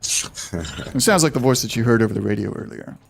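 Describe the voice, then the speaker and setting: Game master, male, mid-pitched with a gravelly edge, thinks aloud with lots of ums. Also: very animated, brisk, a little hiss or hum. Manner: thinks aloud with frequent ums while checking rules. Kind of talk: running a tabletop game over voice chat.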